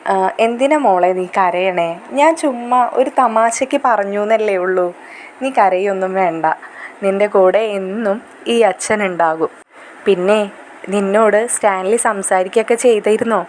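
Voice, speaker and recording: A woman's voice: medium pitch, normal speed, darkish tone, slight background noise, close to an everyday voice. A woman voicing a caring elderly father, fond and protective toward his daughter, in a retold serial story.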